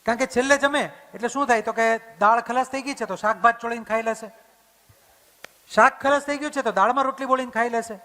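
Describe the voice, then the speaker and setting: Male motivational speaker, high bright voice, tells homely stories, long hall reverb. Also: fast. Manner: acts out family dialogue in plain voice. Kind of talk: storytelling talk to an audience. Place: community hall event. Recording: hall reverb, stage mic.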